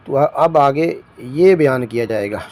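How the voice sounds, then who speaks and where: A man teaching Quran reading, spelling each syllable out slowly and then explaining the rule quickly. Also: mid-range voice, animated, darkish tone. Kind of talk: Tajweed lesson, spelling out syllables.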